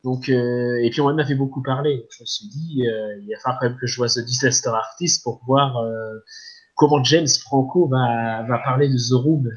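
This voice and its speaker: A man's voice: medium pitch, fairly even intonation, moderate pace. A man talking casually about a film as a podcast guest, hesitant with many fillers. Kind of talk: casual film review chat.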